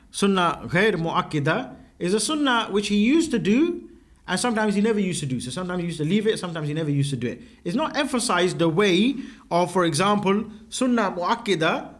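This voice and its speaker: A man teaching a class, explaining terms step by step and checking in with students by asking "yeah?". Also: sits high. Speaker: religious teacher. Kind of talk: classroom lecture.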